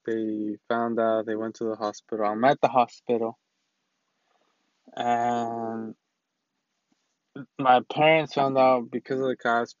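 A young man tells a personal story in loose, casual talk, circling back and restarting his sentences as he goes. His voice sits at a middle pitch. The recording sounds slightly dull and dry, with no room around it. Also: no echo. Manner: rambling, loose, full of restarts.

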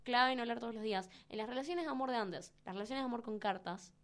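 A woman's voice: on the high side, fast. A young woman with a Rioplatense accent, chatting casually as a podcast co-host and telling stories with lots of laughter. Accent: Rioplatense Spanish. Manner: animated storyteller, laughs often, acts out quotes. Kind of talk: casual chat.

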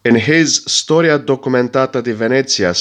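Nasal man with a heavy cold. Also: mid-range voice. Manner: measured, reads with occasional fillers and restarts. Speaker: history podcast host. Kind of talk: scripted history narration.

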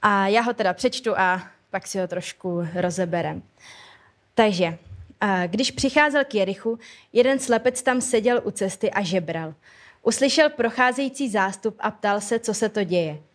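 Speaking at medium pitch, a woman leads a prayer and delivers an informal church sermon. Her style is conversational and colloquial, full of hesitations.

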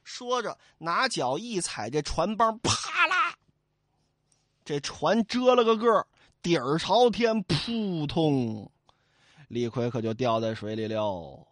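Animated guy telling an old tale, funny asides, voice all over the place, dry close mic. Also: on the high side, slow pace, dry recording. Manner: lively, animated, playful asides. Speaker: storyteller. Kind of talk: comic traditional storytelling.

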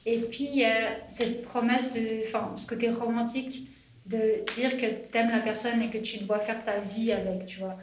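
A woman's voice: fairly high pitch, level tone, moderate pace. A twenty-year-old woman, a youth group leader, speaking thoughtfully and conversationally in a roundtable. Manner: thoughtful, conversational, uses filler words. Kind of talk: casual roundtable discussion. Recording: roomy, distant mic, noise behind.

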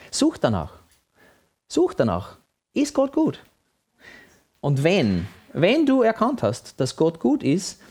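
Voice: medium pitch, darkish tone, breathy edge. A Bible teacher, giving an emphatic teaching talk and often checking with the listener.

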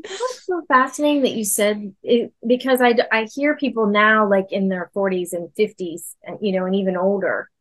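A woman hosts a casual conversational podcast interview, affirming and encouraging her guest with short backchannels. Her mid-range voice is a bit bright and moves at a moderate pace.

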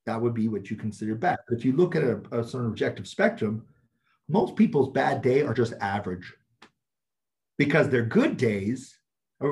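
A man's voice: mid-range voice, a little mellow. A man talking bluntly and emphatically as an interview guest, laughing often as he makes his points. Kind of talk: casual chat.

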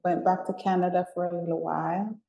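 With a low-leaning, creaky, dark voice and a flat but brisk delivery, this Jamaican-born mentor of women talks earnestly as an interview guest. She tends to repeat herself and lean on "you know." The sound is roomy, and the exchange is conversational.

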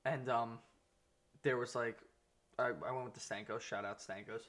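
A man's voice: mid-range voice, steady tone, moderate pace, a bit bright. A man in his twenties co-hosting a casual podcast, laid-back, swearing often and drawing out words for emphasis. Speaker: podcast co-host. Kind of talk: casual chat.

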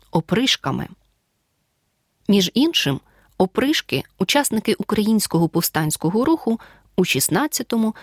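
A woman teacher from Ukraine reads a scripted audio lesson in a dry, close recording. Her pitch is mid-range but moves a great deal. She dictates the example words clearly and deliberately. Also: no echo.

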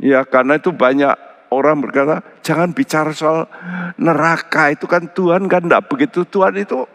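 A man's voice: fairly even intonation, moderate pace. Preaching man in a reverberant hall. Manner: earnest preaching, often addressing listeners as brothers and sisters; pitch jumps high for emphasis, drops low and quiet for solemn points. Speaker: pastor. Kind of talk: sermon.

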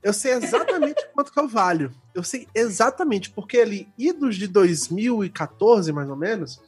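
A young man with a Brazilian accent telling a story in casual group chat, animated and laughing, imitating his relatives. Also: high-pitched, moderate pace, husky, soft background music. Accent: Brazilian Portuguese. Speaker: podcast guest telling a story.

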